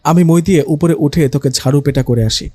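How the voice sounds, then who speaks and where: Shrill scolding mother, as a man puts her on. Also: fairly quick, a little mellow, no echo, lightly acted. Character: scolding middle-aged mother, hot-tempered and loud.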